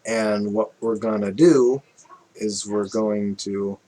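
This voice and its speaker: A man's voice: lowish voice, steady tone, takes it slowly, dark tone. A man casually walking through a music production tutorial, thinking aloud with fillers and small self-corrections.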